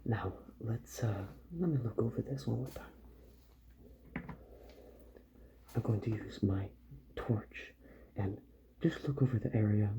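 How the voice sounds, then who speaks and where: A soft-spoken man plays a repair doctor at work in an ASMR roleplay, murmuring unhurriedly to the listener and often sinking toward a whisper. His voice sits on the low side and moves slowly, with long pauses, and there is background noise.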